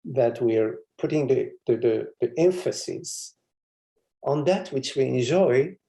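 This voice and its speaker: A man's voice: mid-range voice, expressive, slow pace, vocal fry, mellow. A man, a spiritual teacher, giving a meditative live satsang talk in a meandering, conversational way with frequent chuckles and asides.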